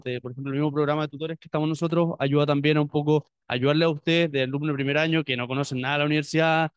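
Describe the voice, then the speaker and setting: A man's voice: a little high, smooth, no echo. A young man in his twenties with a Chilean accent, a university student talking casually to prospective students, chatty with many restarts. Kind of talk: informal talk to prospective students.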